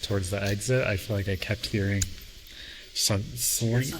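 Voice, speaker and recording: A man's voice: on the low side, fairly even intonation, a little slow. A man chatting casually as a visitor while walking through a cave. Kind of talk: casual chat. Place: inside a cave. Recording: noisy on-location recording inside a cave.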